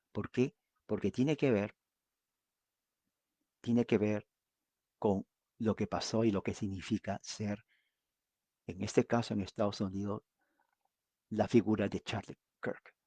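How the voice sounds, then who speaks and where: A man's voice: fairly low pitch, dark tone, breathy edge, no echo. A man preaching a conversational Bible study, often asking his listeners questions. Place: United States.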